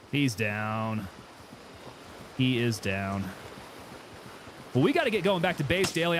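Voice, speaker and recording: Over some background noise, a man with a fairly high voice streams his gaming session. He offers relaxed commentary, reasoning through moves aloud and talking to his teammates.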